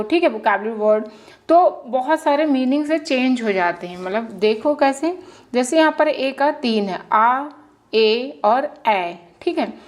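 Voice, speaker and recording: A woman teaching English pronunciation at a whiteboard, often asking a question and answering it herself and repeating sounds slowly. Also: high-pitched. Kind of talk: whiteboard lesson in Hindi. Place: classroom with whiteboard.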